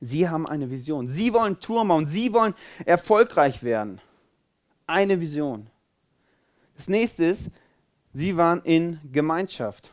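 A man preaching a sermon who reads from the Bible, repeats key phrases and asks rhetorical questions, swinging from loud declarations to quiet, intense asides. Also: a little high, expressive, unhurried.

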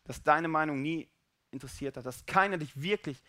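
Male preacher, bright tone, fairly high voice, shifts from loud pleading to soft intimate talk, colloquial. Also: a little fast. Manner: swings from loud urgent pleas to quiet low intimate tones; casual colloquial speech with fillers. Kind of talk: sermon.

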